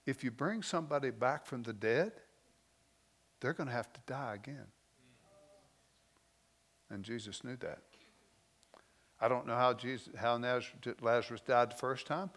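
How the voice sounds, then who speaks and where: A man preaching a sermon, moving between slow, emotional lines with soft drops and loose, conversational asides. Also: mid-range voice. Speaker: pastor.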